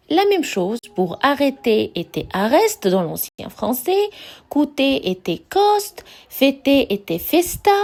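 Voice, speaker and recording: A woman teaching a French grammar lesson, slowly spelling out examples and repeating key words with emphasis. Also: fairly high pitch, warm tone. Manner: slow, deliberate, repeats and stresses example words. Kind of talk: classroom-style grammar lesson.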